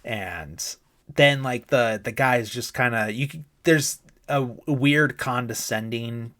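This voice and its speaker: A man's voice: medium pitch, slow pace, pushed and bright. A man hosting a podcast, casually recapping a film in a rambling way, full of filler words. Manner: rambling, heavy use of fillers. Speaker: podcast host.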